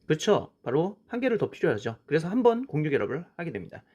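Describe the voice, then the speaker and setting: A man's voice: on the high side, big pitch swings, fast, darkish tone, slightly rough, lo-fi sound. A man teaching a science lesson, drawing on a worksheet as he explains, often starting with "자" and asking questions that he then answers himself. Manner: frequent "자" and "그쵸?" as prompts.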